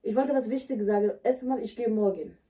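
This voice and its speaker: Higher-pitched woman, blunt and insistent. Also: a little fast, warm tone, a little hiss or hum. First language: Somali. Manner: blunt, insistent, in simple broken German. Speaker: vlogger staging a prank on husband. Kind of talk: casual home vlog talk. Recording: distant mic, indoor home recording.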